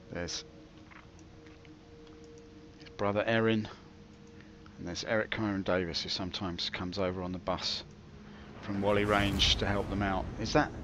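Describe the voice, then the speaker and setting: A man gives rambling game commentary in a somewhat low voice. He is dry and self-mocking and wanders off on tangents. There is faint noise behind him. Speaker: gaming video host.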